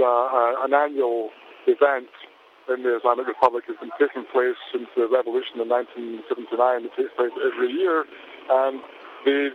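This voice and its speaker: A male correspondent giving a news report by mobile phone, speaking haltingly with frequent fillers and restarts, heard over a tinny phone line. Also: mid-range voice, a little hiss or hum.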